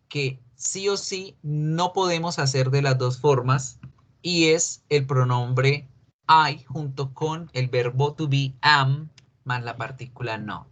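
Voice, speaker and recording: A man teaching an English grammar class in Spanish, explaining slowly and patiently and putting questions to his students. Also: fairly high pitch, a bit bright. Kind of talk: online class lecture.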